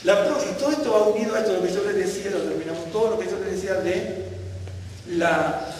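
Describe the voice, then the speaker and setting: Male Bible teacher, high voice, chatty and questioning, recorded far off in a reverberant hall with faint noise. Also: fast talker, darkish tone. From Argentina. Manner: conversational, checks in with listeners often. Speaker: teacher at a congregation.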